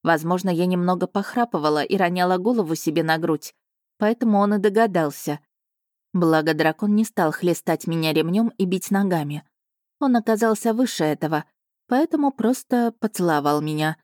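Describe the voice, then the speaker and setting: A woman reading a first-person audiobook in a lively, ironic storytelling manner, close to the mic. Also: lowish voice, moderate pace, no room sound. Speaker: audiobook narrator.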